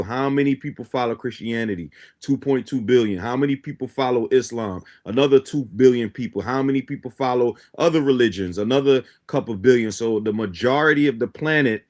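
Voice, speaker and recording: This talk show guest, Guyanese-born and Brooklyn-raised, teaches a belief system in a brisk, slightly mellow medium-pitched voice with hardly any pauses. His delivery is instructive, and he frequently tosses in "right?" to check on his listeners.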